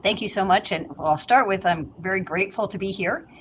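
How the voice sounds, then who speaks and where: A woman's voice: mid-range voice, fairly quick, highs cut off. A woman from St. Louis answering interview questions as a guest, humble and chatty, with many fillers. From St. Louis, Missouri, USA. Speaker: guest physician. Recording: remote video call, faint background noise.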